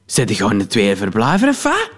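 A man's voice: lowish voice, wildly swooping pitch, a little fast, a bit bright, exaggerated voice. A man voicing a snobbish, sneering middle-aged woman with a Flemish accent. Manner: sneering, snide, nasal.

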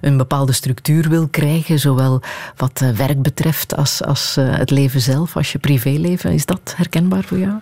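A radio host interviews his guest in an easy, conversational way. His voice is slightly raised in pitch and sits dry and close to the mic. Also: normal speed, creaky, no room sound. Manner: conversational, steady questioning.

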